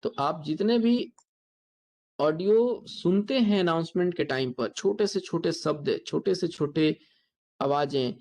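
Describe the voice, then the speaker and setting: Speaking a little slowly in a mid-pitched voice, a tutor with an Indian accent walks through a software tutorial one step at a time, going back over key points as he goes.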